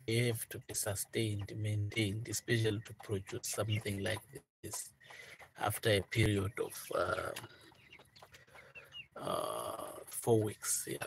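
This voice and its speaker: Man, low gravelly flat voice; soft, hesitant farm walkthrough; noisy phone recording in a chicken house. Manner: soft, hesitant, many fillers and repeated words. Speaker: poultry farmer showing his broiler chickens. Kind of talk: informal farm walkthrough vlog. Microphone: handheld phone, speaker off camera. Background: chickens chirping.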